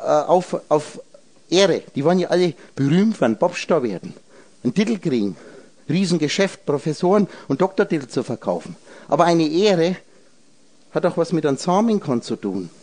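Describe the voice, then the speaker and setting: Speaking to a group in a slightly mellow voice on the high side, a man rambles about esoteric concepts. He breaks words down into letters and numbers and keeps asking his listeners questions.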